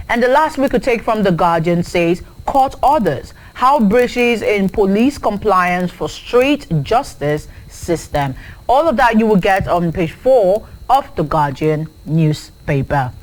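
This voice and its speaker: A woman with a Nigerian English accent presenting a morning newspaper review, reading headlines briskly and adding her own asides. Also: mid-range voice, very animated, rough recording. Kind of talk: reading headlines and studio chat.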